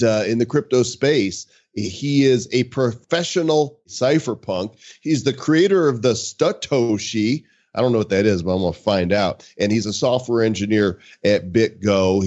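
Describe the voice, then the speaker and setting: A man's voice: fairly low pitch, darkish tone, muffled recording. A man co-hosting a podcast, chatting casually and cracking puns. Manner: jokey, punning. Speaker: podcast co-host. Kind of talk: casual chat.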